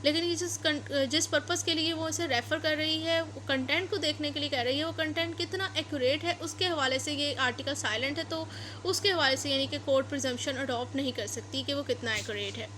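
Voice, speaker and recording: A woman with a Pakistani accent delivers an explanatory law lecture, mixing Urdu with English legal terms and repeating and rephrasing points didactically. Her high voice is fairly quick, bright and forceful, with slight background noise.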